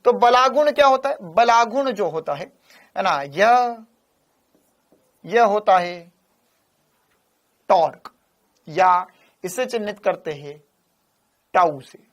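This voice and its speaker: A man's voice: high voice, lively intonation, takes it slowly, pauses often, a bit bright. A man from India teaching physics in a lecture style. He is playful and repeats phrases in a rhythmic way.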